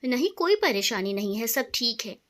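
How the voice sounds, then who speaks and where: A woman's voice: fairly high pitch, sing-song, moderate pace. Woman reading as a curt, guarded young wife.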